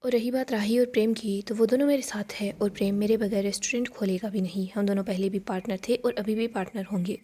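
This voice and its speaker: A woman voicing a proud, confident young businesswoman who brushes off a rival, in a mellow voice. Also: medium pitch, lightly acted. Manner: cutting, self-assured.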